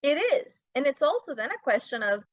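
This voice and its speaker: A middle-aged woman who builds brands and teaches appears as a guest on a conversational podcast interview, making emphatic points and often posing and answering her own questions. Her voice is high-pitched, very animated, and a little fast. The recording is dry and muffled.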